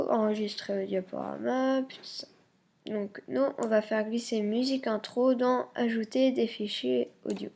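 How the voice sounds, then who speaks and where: A woman walking viewers through a software tutorial, hesitant and full of fillers, self-corrections and muttered asides. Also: a little high, creaky, slight background noise. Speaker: YouTube tutorial maker. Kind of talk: screen-recording software tutorial.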